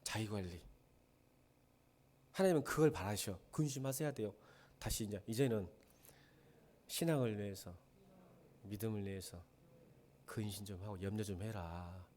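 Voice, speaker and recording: A middle-aged male pastor preaching a blunt sermon, firing rhetorical questions at his congregation and swinging from quiet talk to shouting. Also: on the low side, moderate pace, long pauses.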